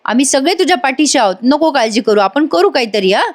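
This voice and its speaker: A woman's voice: high-pitched, lively intonation, fast talker, voice pushed up. Give me a woman putting on a doting elderly father-in-law, fretful and bossy, with a raised voice. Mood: consoling. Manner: fussy, scolding then coaxing.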